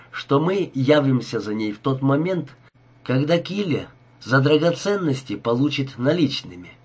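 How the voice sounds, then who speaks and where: A man's voice: mid-range voice, husky. A man voicing a cold, scheming male crook who talks with sneering irony, in an audiobook reading. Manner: sneering, ironic.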